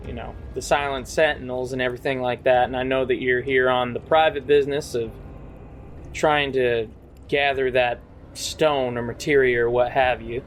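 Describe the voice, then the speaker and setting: A man's voice: medium pitch, slight background noise, lightly acted. A man voicing a stern, folksy woman queen of a desert town, with a casual drawl. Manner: drawling, casual, talks down to outsiders.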